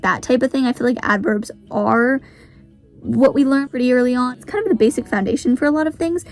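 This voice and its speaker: A teenage girl talking casually about writing in a vlog, saying "like" constantly. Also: on the high side. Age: teens. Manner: chatty, says "like" very often. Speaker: author.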